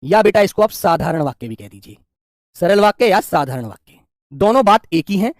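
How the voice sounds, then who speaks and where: A man's voice: high voice, sing-song, dry recording. Male grammar tutor, coaxing and reassuring with his students, stretches words out when dictating, dry close recording. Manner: affectionate and reassuring, keeps calling students "dear children"; dictates slowly word by word while writing. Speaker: Hindi grammar teacher. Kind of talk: online exam-prep grammar lesson.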